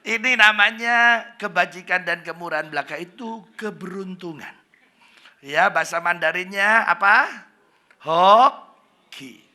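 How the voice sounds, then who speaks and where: A man's voice: sits high, moderate pace, pushed and bright. A middle-aged man with a Javanese accent preaching a humorous church sermon, joking and chatting with the congregation and putting questions to them. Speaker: pastor.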